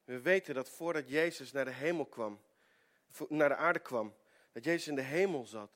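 During a sermon, a male preacher tells a story earnestly, stammering and restarting and often dropping into a hushed tone. He speaks at a medium pitch and a normal speed.

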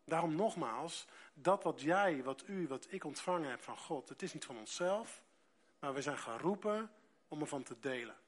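Animated preacher man. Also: fairly high pitch. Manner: animated, rising loud on key words, slowing for emphasis. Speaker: pastor. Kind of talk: sermon.

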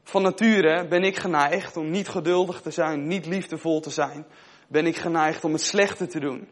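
A man's voice: fairly high pitch, fairly even intonation, normal speed. A young man giving a sermon in a conversational way, asking his listeners questions and telling a personal story. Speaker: preacher.

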